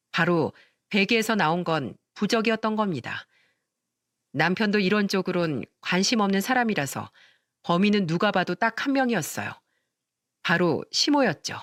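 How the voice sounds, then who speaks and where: A woman narrating a first-person family story in a calm, steady scripted reading. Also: medium pitch, no echo, studio quality.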